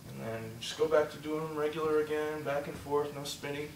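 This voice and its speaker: In this rough, reverberant recording with a little hiss or hum, a distant instructor walks through a movement drill step by step. His fairly high, slightly hoarse voice moves quickly with little pitch variation, and he's short of breath and losing his voice as he keeps encouraging with "just like that" and "good."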